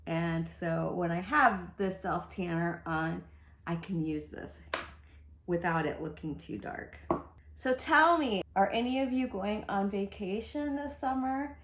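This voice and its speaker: A middle-aged beauty vlogger with a congested, mid-range voice and a fairly bright tone chats casually through a makeup tutorial. She's unhurried, upbeat and talkative, thinking aloud as she applies her makeup. The room she records in is echoey.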